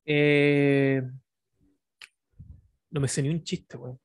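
A man's voice: on the high side, flat delivery, very slow, clean tone, no room sound, studio quality. A Chilean man co-hosting a podcast, joking and teasing his partner and reading definitions aloud. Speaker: podcast co-host. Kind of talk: casual podcast banter.

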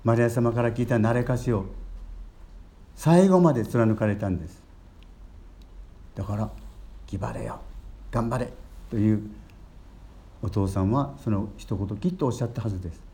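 Older priest preaching in a low voice. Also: male voice, fairly quick, long pauses. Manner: gentle storytelling preacher, rising emphasis on key words. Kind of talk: sermon.

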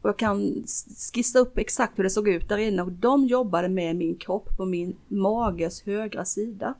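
A woman's voice: medium pitch, a little mellow. A middle-aged woman, a guest, telling a personal story earnestly in casual conversation, with frequent restarts. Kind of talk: casual interview talk.

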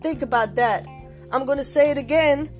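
A woman from Switzerland delivering an angry, swearing monologue to her listeners, dropping to low mutters and then bursting out loudly. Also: moderate pace, soft background music. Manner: angry ranting, heavy swearing, swings from low mutters to loud outbursts.

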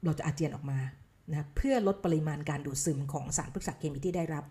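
A woman's voice: deep voice, quick pace, warm tone. A woman giving a casual spoken lecture on health science. She explains in a chatty way, drops English science terms into her talk and checks in with her listeners. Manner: asks listeners rhetorical checks. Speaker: health educator.

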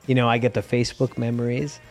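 A man with a hoarse, raspy, worn voice, telling stories casually and informally as an interview guest. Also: medium pitch, little pitch movement, fast. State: hoarse, losing his voice. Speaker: guest musician in a band. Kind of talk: casual conversational storytelling.

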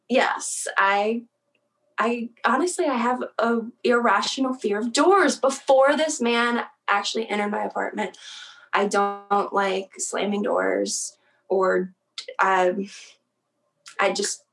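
A young adult woman from South Central Pennsylvania, a guest in a casual interview, chatty and quick to laugh, often trailing off and restarting her sentences. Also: mid-range voice, fairly even intonation, creaky, fairly bright tone.

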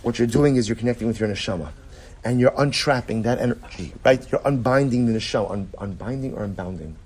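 A man's voice: mid-range voice, quick pace, slightly rough. A man teaching an informal class to a small group, asking rhetorical questions and repeating his points. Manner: repetitive, rhetorical questions, animated.

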